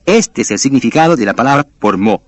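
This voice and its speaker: A man teaching a Bible class, who reads verses slowly, repeats key words for emphasis and asks his listeners rhetorical questions. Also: medium pitch, lively intonation, no echo. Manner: reads scripture aloud slowly and deliberately.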